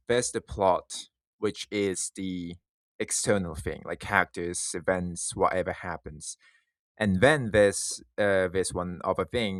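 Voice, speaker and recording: A man giving an informal reflective monologue as a video creator, thinking aloud in halting phrases with false starts. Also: low voice, dry recording.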